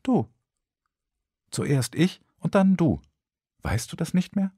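Guy doing a blunt blind teen girl, higher voice, scolding, dry close sound. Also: very animated, slow pace, warm tone, slightly rough, no room sound, full character voice. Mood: calm insistence. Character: blind teenage girl, sharp-tongued and fierce. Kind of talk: audiobook character voice.

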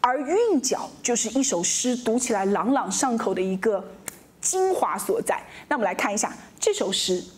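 Bright-voiced woman teaching a poetry lesson. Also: a little high. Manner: lively teaching voice with frequent rhetorical check-ins; reads English verse lines slowly, stressing syllables. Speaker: literature teacher. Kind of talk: explaining English poetry meter in a lecture.

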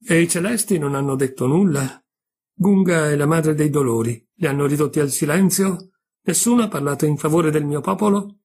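A man's voice: fairly high pitch, brisk, a little mellow, husky. A man reading aloud as a cheerful young male god in a storybook tale. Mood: playful. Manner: laughing, tender reading voice.

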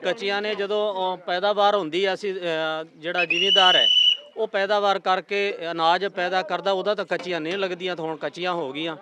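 A man's voice: high-pitched, steady tone, fairly quick. A man, a villager earnestly describing flood losses outdoors. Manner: earnest complaint, plain explanation. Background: crowd of villagers.

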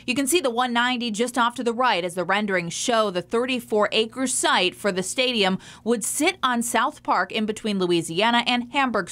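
A young woman reporting the news from a television studio in a crisp, measured broadcast delivery, on a lapel mic. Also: on the high side, a bit bright.

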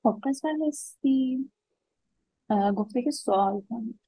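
A woman teaching English grammar, saying each English example slowly and deliberately before explaining it. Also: on the high side, dark tone, breathy edge, no room sound. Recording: dull lo-fi sound.

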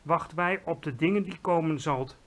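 A big, gentle old giant, voiced by a man reading a storybook aloud, speaks in a hushed whisper with charmingly broken grammar. His voice sits fairly high and soft. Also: moderate pace, close to an everyday voice.

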